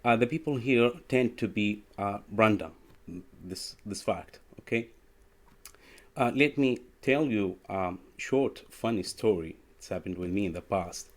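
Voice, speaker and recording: A man talks slowly and haltingly, stopping often on fillers as he tells a story in a group video call. His voice sits fairly low. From Iraq. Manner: hesitant, halting English full of fillers. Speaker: student in an online discussion. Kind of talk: casual storytelling in a group discussion.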